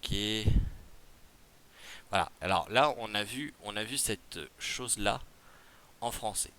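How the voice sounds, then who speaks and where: A gaming video creator with a Quebec French accent walks through a game promotion in a casual tutorial, first reading out the rules, then chatting loosely with fillers and asides. His voice is lowish, slow-paced, and pushed and bright.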